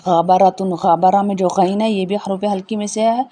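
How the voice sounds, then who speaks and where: A woman teaching a Tajweed lesson, spelling out letters slowly and patiently explaining how each one is pronounced, with faint background noise. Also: mid-range voice, fairly even intonation, warm tone. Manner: slow, patient, repeats each point. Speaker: Quran reading teacher.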